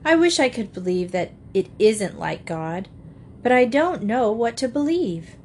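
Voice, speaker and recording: A woman's voice: a little high, sing-song, a little slow, darkish tone, slight background noise. A woman doing a prim practical young girl.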